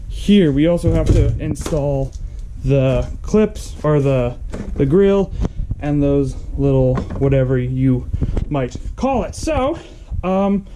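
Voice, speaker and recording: A man's voice: a little high, warm tone, a little hiss or hum. A young man vlogging casually about a car project in his garage, chatty and rambling with fillers. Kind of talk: casual vlog talk to camera. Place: hot home garage. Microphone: camera set down nearby.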